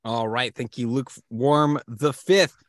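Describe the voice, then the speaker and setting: A man's voice: medium pitch, fairly even intonation, slow, no room sound, studio quality. A man moderating a mock-formal comedy podcast debate in a wry, mock-formal way.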